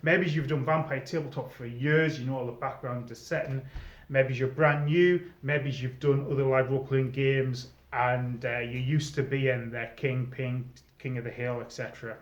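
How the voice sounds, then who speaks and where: A middle-aged man, once a game storyteller and now a presenter, gives newcomers informal, conversational advice in a monologue-style video. His mid-range voice is steady at a normal speed, and the sound is slightly dull in an echoey room.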